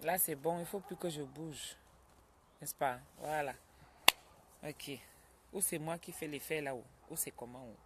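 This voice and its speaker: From home, a woman hosts a casual live stream, greeting viewers by name as she chats and breaking off now and then to calm a child. Her voice is deep and her pace measured with frequent pauses, and the recording is very noisy.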